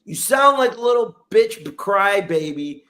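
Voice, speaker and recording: High-voiced man roasting with crude insults. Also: lively intonation, measured pace, pushed and bright. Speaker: podcast host. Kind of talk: profane comedic roast.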